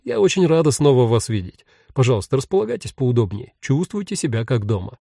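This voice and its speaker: A man's voice: mid-range voice, very animated, a little fast, dry recording, studio quality, exaggerated voice. A man voicing a polite, fearless young woman writer who talks courteously and formally. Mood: welcoming. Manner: courteous and formal, speaking loudly and clearly.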